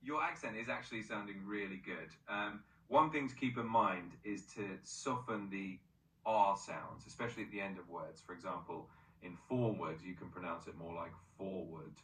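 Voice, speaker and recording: A synthetic male voice assistant with a bright, forceful tone and a somewhat low pitch, coaching pronunciation in an upbeat, encouraging way. It is played back from a distant speaker in a roomy space. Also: moderate pace. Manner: upbeat, encouraging, praises often.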